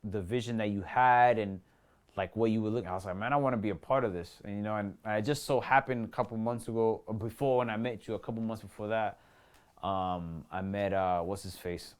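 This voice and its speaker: Brisk and on the low side, with a clean tone, this actor from New York City talks casually with an interviewer in his New York accent. He uses a lot of slang, says things more than once, and performs the remarks he quotes.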